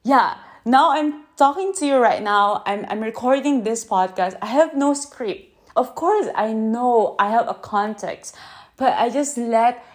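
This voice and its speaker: A woman with a Filipino accent hosting an unscripted podcast into her phone, gently guiding breathing and then talking in a halting way with many restarts. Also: fairly high pitch. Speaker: podcast host.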